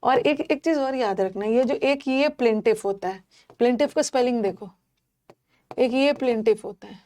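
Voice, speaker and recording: Animated woman teaching English vocabulary. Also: fairly high pitch, moderate pace. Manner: animated, mixes Hindi and English, repeats words for students. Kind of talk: live online vocabulary class.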